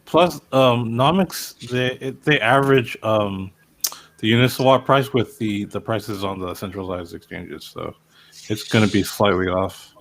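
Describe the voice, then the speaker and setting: A man co-hosting a casual livestream, explaining things haltingly with fillers. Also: lowish voice. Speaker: co-host.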